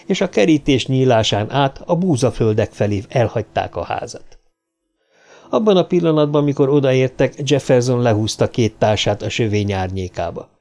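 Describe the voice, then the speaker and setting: A man reading an audiobook in a steady, measured storytelling manner. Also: medium pitch. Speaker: audiobook narrator. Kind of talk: scripted narration.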